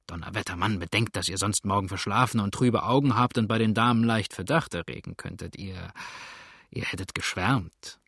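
Give me a sly, growling henchman, low and tired, as a man puts him on. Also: moderate pace, vocal fry, a bit bright, breathy edge, no echo, studio quality, heavily acted. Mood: gruff coaxing. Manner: low growling, dryly mocking. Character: gruff grown male henchman, sly and weary.

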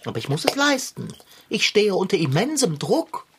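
A woman's voice: mid-range voice, sing-song, normal speed, slight background noise. A woman doing a pompous, fussy tomcat. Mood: self-pitying. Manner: pompous, theatrical complaining. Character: fussy, dramatic, self-pitying male tomcat. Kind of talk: children's audio drama.

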